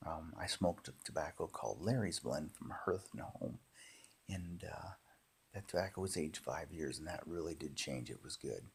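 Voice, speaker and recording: A man in his fifties chatting casually in an unhurried, halting, rambling monologue, with a gravelly, husky voice. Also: very deep voice, expressive. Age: 50s. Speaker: pipe hobbyist and former tobacco shop worker.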